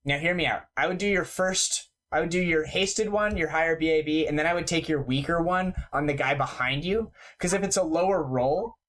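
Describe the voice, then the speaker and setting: A man running a tabletop game as game master, with quick, chatty rules explanations. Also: fairly high pitch, a bit bright.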